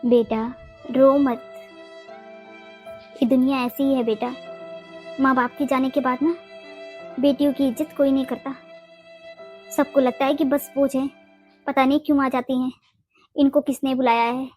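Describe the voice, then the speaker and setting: A woman's voice: high voice, flat delivery, a little slow, long pauses, a little mellow, faint music behind. A woman voicing Kalavati, a fierce, bossy mother-in-law. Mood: consoling. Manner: blunt, scolding, makes boastful vows. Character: older mother-in-law, fiercely protective, sharp-tongued, bossy. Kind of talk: Hindi cartoon voice acting.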